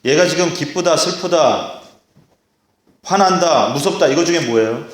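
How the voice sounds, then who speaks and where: A man preaching a sermon to a congregation, animated, acting out scolding parents in a raised voice. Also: on the high side, moderate pace. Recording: echoey hall.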